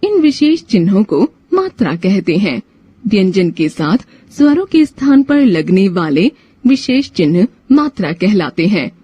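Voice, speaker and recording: A woman narrates a scripted grammar lesson, spelling out sounds one by one at an unhurried pace. Her voice is soft and somewhat husky, with a lively rise and fall. The recording is dry and a little muffled. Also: mid-range voice, no echo. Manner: spells out sounds letter by letter, measured and deliberate. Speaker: Hindi grammar teacher.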